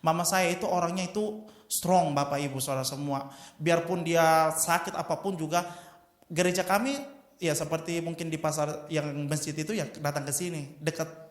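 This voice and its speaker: In an echoey church hall, a man in his twenties preaches a sermon built on personal testimony, speaking emphatically and often addressing the congregation. His voice sits on the high side, with fairly even intonation at a normal speed.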